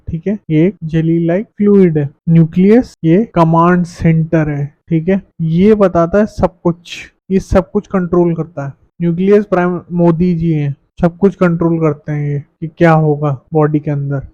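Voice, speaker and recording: Young Indian male tutor, fairly high voice, warm delivery, asks questions and answers them. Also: no echo, highs cut off. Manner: mixes Hindi with read-out English lines, asks and answers own questions. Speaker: science teacher. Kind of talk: classroom lesson.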